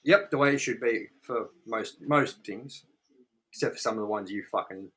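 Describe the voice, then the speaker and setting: Co-hosting a casual movie review show, a man shares opinions on films in a blunt, sweary, exaggerating manner. His voice is lowish and a bit bright with a breathy edge, delivered at a moderate pace.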